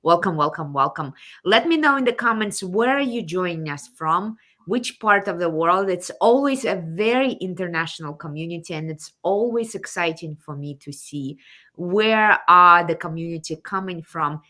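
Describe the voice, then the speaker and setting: A woman's voice: lowish voice, lively intonation, moderate pace, sharp tone. A woman from Kazakhstan hosting a live online show, enthusiastic and fond of repeating her welcomes. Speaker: show host.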